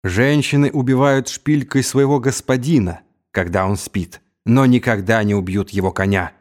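A man voicing a calm, stern old Mongol general who speaks in a fatherly, even way. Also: mid-range voice, normal speed, close to an everyday voice.

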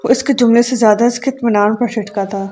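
A woman reading a novel aloud as an audiobook narrator, with calm, even storytelling and faint music behind. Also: a little high.

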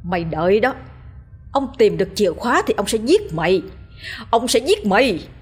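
A woman's voice: medium pitch, expressive, normal speed, husky, soft background music. A woman voicing a cruel, vengeful older man, a sorcerer who snarls threats through gritted teeth. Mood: snarling threats.

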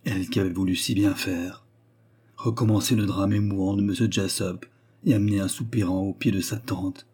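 Male audiobook narrator, measured delivery, mellow breathy tone. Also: sits low, fairly even intonation. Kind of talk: scripted narration of a novel.

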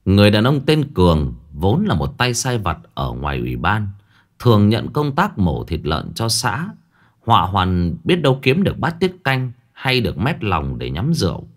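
A man narrating a ghost story in a lively, dramatic storytelling manner. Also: fairly low pitch, moderate pace. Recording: faint background music.

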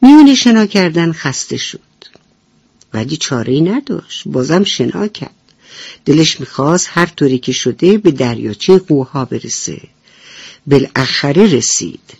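A woman's voice: low voice, sing-song, gravelly, darkish tone, slightly rough, no room sound. A woman radio storyteller narrating a bedtime story for children, speaking affectionately and addressing the young listeners directly. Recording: dull lo-fi radio recording with faint music.

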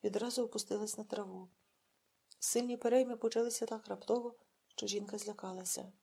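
A woman narrating a literary audiobook in a measured, dramatic storytelling manner. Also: medium pitch, fairly even intonation, gravelly, mellow, breathy edge.

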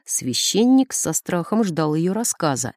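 A woman narrating a classic novel as an audiobook, reading in a measured, expressive way in a studio. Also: lowish voice, no echo. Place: recording studio. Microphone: close studio mic.

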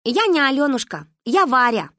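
A woman's voice: high-pitched, big pitch swings, bright, forceful tone, no echo, clean studio sound, pitched above the performer's own voice, heavily acted. Woman doing a prim little village girl. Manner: slow, drawling folksy speech.

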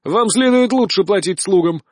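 A man voicing an arrogant young male usurper prince who shouts loudly and brashly. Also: sits high, lively intonation, moderate pace, husky, no echo, clean studio sound, pitched above the performer's own voice. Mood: gloating.

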